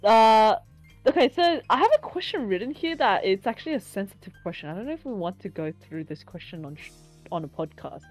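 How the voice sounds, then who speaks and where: A woman hosting a casual podcast chat, excitable and laughing often. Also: medium pitch, a little fast, faint music behind, poor audio. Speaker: podcast host.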